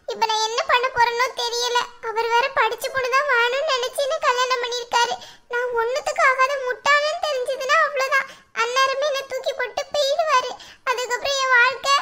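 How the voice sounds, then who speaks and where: A very high, bright and piercing cartoon voice of a young married village woman, acted by a woman. She sounds tearful and anxious, fretting aloud in despair. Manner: tearful, despairing, talks to herself. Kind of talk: cartoon voice acting.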